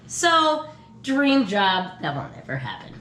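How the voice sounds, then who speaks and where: A woman co-hosting a casual question game, chatty and thinking aloud with frequent pauses. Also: mid-range voice, very animated, a bit bright. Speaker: channel co-host answering questions. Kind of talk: casual chat. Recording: echoey room with faint noise.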